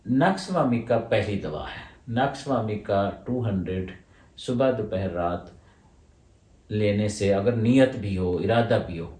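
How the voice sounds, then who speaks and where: A man's voice: on the low side, darkish tone, recorded from a distance. A man, a homeopathic doctor answering questions and explaining his points in order. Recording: roomy echo, voice from away from the mic.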